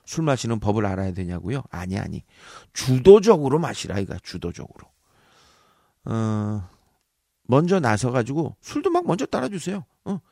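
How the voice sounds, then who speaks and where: Lively gravelly man coaching with jokes. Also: fairly low pitch, normal speed, dry recording, studio quality. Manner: animated and teasing, full of rhetorical questions and puns. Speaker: speech coach and professor. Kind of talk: lively talk-show lecture.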